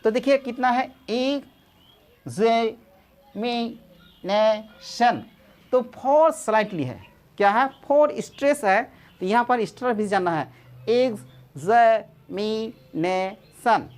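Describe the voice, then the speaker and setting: A woman with an Indian accent teaches pronunciation in a casual online lesson, repeating words slowly and stretching them out. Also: on the high side, expressive. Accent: Indian English. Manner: drawn-out repeated words, slow modeling of sounds.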